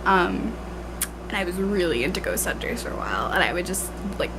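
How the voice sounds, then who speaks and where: Here the same kind of casual home vlog comes across brisk and very animated: a young woman with a fairly low, congested, tired voice chats to a handheld camera at arm's length. She rambles with plenty of "like" and "um," pokes fun at herself, and there's background noise.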